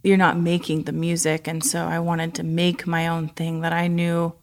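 Young woman from oklahoma chatting in a studio, easygoing, a bit low-pitched. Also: normal speed. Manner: relaxed, laughs easily, says "like" often. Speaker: musician guest. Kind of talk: casual interview.

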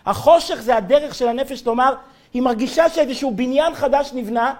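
Rabbi guy with a really high voice, giving his weekly torah class, tells stories and acts out the lines. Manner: animated storyteller, acts out quotes, chuckles while telling. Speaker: rabbi teaching a weekly lesson. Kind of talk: Torah lesson with storytelling.

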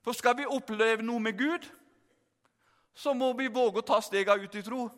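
An older man preaching a revival sermon in a very high voice, in a church hall with a long reverb. He tells the stories playfully and acts out every scene. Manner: lively, humorous, acts out scenes.

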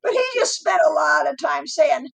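Middle-aged woman guest, super high voice w some fry, chatty, laughs a lot telling stories. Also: moderate pace, low-quality recording. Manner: animated storyteller, laughs often. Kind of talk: casual storytelling chat.

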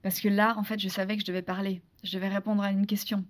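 A woman from France, a guest in a casual interview, telling a story in a lively, chatty way with many restarts and fillers. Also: medium pitch, fast talker. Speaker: interview guest, former beauty pageant contestant.

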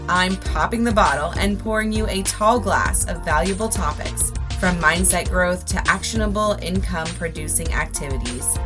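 An American woman hosting a podcast, reading an upbeat, scripted intro with an excited, peppy delivery. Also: mid-range voice. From South Florida, United States. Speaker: podcast host and wedding business consultant.

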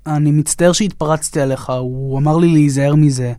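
An actor playing an obscure, hot-tempered male vaccine inventor who blows up and then forces himself calm, in a comedy audio drama. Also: fairly high pitch, dry recording, studio quality, lightly acted. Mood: forced calm.

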